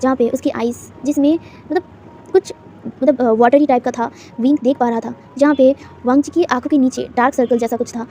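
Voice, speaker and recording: A woman narrating a fan fiction story in a rapid, casual retelling full of fillers and restarts. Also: high-pitched, fairly even intonation, warm tone, slight background noise.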